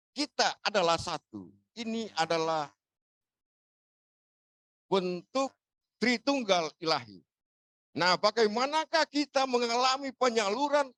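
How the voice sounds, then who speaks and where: A man from Ambon speaks at a church fellowship gathering with a high voice, earnest and preacherly. He lifts his delivery when quoting scripture. The sound is dry and close. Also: a bit bright, dry recording. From Ambon, Indonesia. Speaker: church member sharing. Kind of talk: sermon-style sharing.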